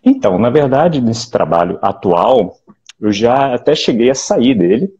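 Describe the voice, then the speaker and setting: A Brazilian actor in his late forties from Rio de Janeiro with a Carioca accent, talking in a relaxed, reflective way over a video call, often restarting and adding "né?". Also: mid-range voice, a little slow, husky, dull audio. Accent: Carioca Portuguese. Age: late 40s. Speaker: actor, interview guest. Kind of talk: casual interview chat.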